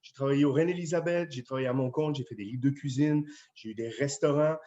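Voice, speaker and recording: A man with a French accent, a chef talking casually and warmly to residents, with many fillers. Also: mid-range voice, fast talker. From France. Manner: chatty, friendly, with many fillers. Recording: dull lo-fi video sound.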